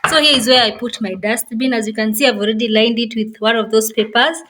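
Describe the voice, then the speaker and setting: Talking fast in a high, pushed, bright voice with fairly even intonation, this Kenyan-accented woman vlogger walks through her home casually, explaining each step and repeating phrases as she goes.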